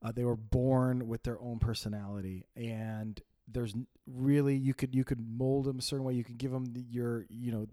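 A man's voice: mid-range voice, fairly even intonation, moderate pace, hardly any pauses, mellow. A man co-hosting a casual podcast, a father telling a story in a rambling way with many restarts. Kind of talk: casual chat.

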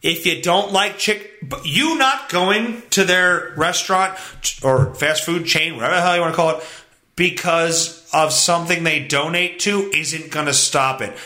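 A man's voice: fairly high pitch, a little slow, sharp tone, echoey room. Profane, ranting male podcast host. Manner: profane, exasperated, blunt. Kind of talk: ranting solo commentary on news headlines.

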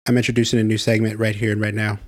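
A man's voice: fairly low pitch, flat delivery, very fast. A man hosting a podcast in a playful, jokey way and often laughing. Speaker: podcast host. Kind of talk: casual podcast chat.

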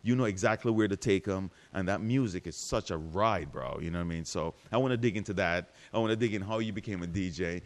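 New podcast host, lower pitch, energetic slang, hypes up his guest. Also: fast, few pauses. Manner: animated, hyping, slangy, laughs often. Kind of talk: casual interview chat.

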